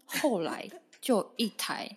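A woman's voice: mid-range voice, slow, breathy edge. A young woman, co-hosting a podcast and dramatically retelling a story in casual chat. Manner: lively, dramatic retelling with acted-out asides. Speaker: podcast co-host.

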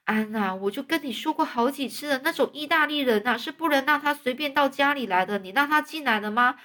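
A woman's voice: high voice, fairly quick, bright, forceful tone, voice pushed up. A woman doing Anne, a dramatic orphan girl. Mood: chatty. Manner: emotional, pleading, breathless rush of words. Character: dramatic talkative orphan girl, about thirteen. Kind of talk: storybook reading.

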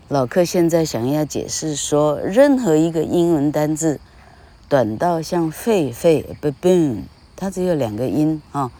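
An English teacher hosts a podcast lesson in a casual, chatty, rambling way, often tagging her phrases with a little "ha." Her voice is low-pitched and mellow.

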